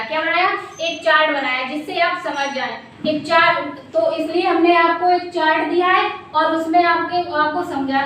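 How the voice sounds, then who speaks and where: High-voiced woman teacher in an echoey room. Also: fairly bright tone, recorded from a distance. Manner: asks questions and answers them herself, drilling by repetition. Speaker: Hindi grammar teacher. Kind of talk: exam-prep lesson. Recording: very echoey room, voice from off-mic, faint hum.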